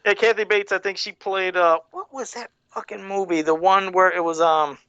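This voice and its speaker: A man's voice: high-pitched, fairly even intonation, moderate pace, sharp tone, clear, resonant tone, no room sound. A man hosting a podcast, steering the talk in a blunt, self-deprecating way and swearing often. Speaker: podcast host. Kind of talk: casual chat. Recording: dry, dull lo-fi sound.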